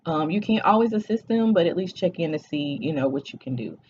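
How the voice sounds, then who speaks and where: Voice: medium pitch, lively intonation, brisk, darkish tone, highs cut off, a little hiss or hum. A vlogger in their forties chatting casually to camera, talking hesitantly with many fillers and restarts. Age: 40s.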